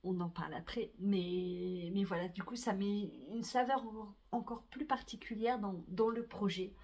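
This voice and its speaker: A woman's voice: medium pitch, fairly even intonation, moderate pace, darkish tone. A middle-aged woman, chatting casually about her sewing and knitting projects, full of fillers and restarts. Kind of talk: casual chat to camera.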